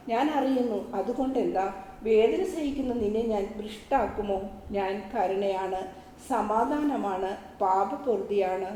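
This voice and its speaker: A woman's voice: on the high side, mellow. Woman narrating in an echoey room. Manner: reads every character's lines in her own voice. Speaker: narrator reading a religious book. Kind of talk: scripted devotional narration with voiced dialogue. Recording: echoey room, faint ambient noise.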